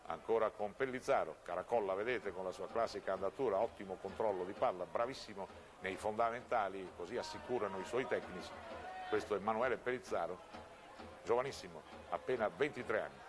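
Male football commentator, fairly low pitch, running match description, clearly noisy outdoor stadium broadcast. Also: brisk. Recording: noisy old TV broadcast audio. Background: outdoor stadium ambience.

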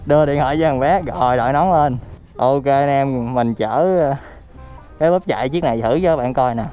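A young vlogger with a Southern Vietnamese accent films himself riding outdoors on a handheld phone camera, cheering, joking and laughing often in excited casual commentary. His voice is medium-pitched, mellow and clean at a moderate pace, though the noisy outdoor audio sounds dull, with faint music behind.

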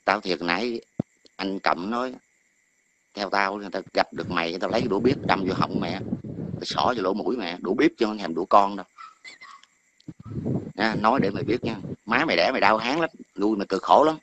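A man's voice: on the low side, fairly quick, long pauses, lo-fi sound. A middle-aged man calls in to an online talk and scolds someone at length, often repeating words as he hunts for the next one. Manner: berating, repeats words while searching for them. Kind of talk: heated scolding rant. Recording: noisy line with clicks.

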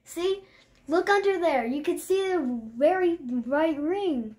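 A woman vlogging casually to camera, excitable and nervous, often dropping to a hushed voice. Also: very high voice, slow. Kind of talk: casual vlog chat to camera.

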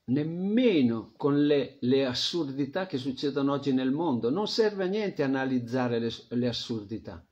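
A man teaching a devotional scripture class, reflective, often trailing off into a soft murmur. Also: mid-range voice, lively intonation, moderate pace, hardly any pauses. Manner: reflective, drops to a soft murmur at phrase ends. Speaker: spiritual teacher. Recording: dull lo-fi recording.

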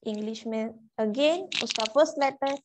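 Woman teacher, high voice, unhurried online class lecture. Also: noisy background. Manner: slow, explanatory, mixing Hindi and English. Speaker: maths teacher.

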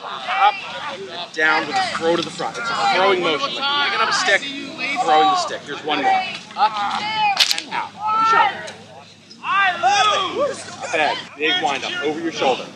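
Male instructor, middle-aged, high animated voice, clipped encouragement, heavy crowd noise outdoors. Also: a little slow, pauses often. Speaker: whip-cracking instructor. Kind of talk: hands-on coaching. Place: open grassy field at a fair. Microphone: camera several metres away.

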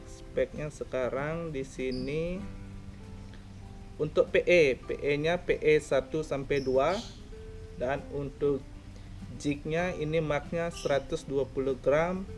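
A young man giving a casual review of a fishing rod outdoors, explaining and pointing out its details. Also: a little high. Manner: plain explaining, counts and points things out. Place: outdoors by a roadside with plants.

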